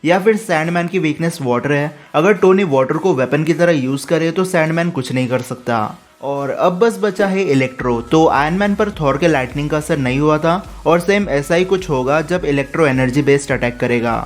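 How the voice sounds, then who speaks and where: A man hosting a question-and-answer explainer, talking through each answer in a brisk, matter-of-fact way. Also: fairly high pitch. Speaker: YouTube explainer host. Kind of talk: scripted Q&A explainer narration.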